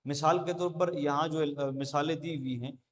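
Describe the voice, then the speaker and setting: A man giving a classroom lecture at a board, explaining slowly with frequent pauses and fillers. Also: fairly high pitch, fairly even intonation. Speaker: teacher. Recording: long hall reverb.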